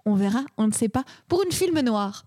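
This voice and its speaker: Female improv host, high and animated. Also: moderate pace, no room sound, clean studio sound. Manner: lively, announcing. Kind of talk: casual chat.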